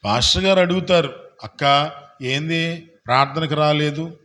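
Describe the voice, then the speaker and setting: High-pitched bright preaching pastor. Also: male voice, measured pace. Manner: preaching with rising shouts and questions to the congregation. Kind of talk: sermon.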